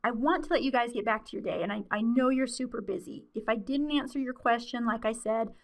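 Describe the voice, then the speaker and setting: Woman, webinar presenter, slightly high pitch, friendly conversational delivery, fillers, voice wearing thin. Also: brisk. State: losing her voice.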